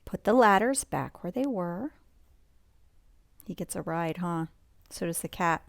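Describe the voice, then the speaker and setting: A woman with a fairly low, creaky voice and lively intonation reads a bedtime picture book, recorded with no echo. Unhurried and chatty, she adds asides, highlights little details, and puts questions to the listener.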